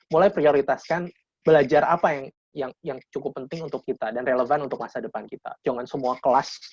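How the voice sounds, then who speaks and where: A man's voice: mid-range voice, darkish tone, breathy edge, no room sound. A man in his thirties giving a casual webinar talk to young people, lecturing informally with frequent restarts. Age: 30s. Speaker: guest speaker. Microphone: video call. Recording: dull lo-fi video call audio.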